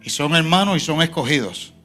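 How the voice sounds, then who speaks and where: A male pastor preaching a sermon in a church, shifting between soft low asides and loud emphatic lines. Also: expressive, brisk, faint music behind. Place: church sanctuary.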